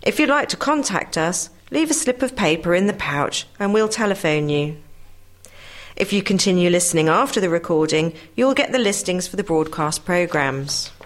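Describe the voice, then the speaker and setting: A woman presenting a talking newspaper, reading announcements in a clear, measured way. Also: on the low side, animated. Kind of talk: read-aloud announcements and joke.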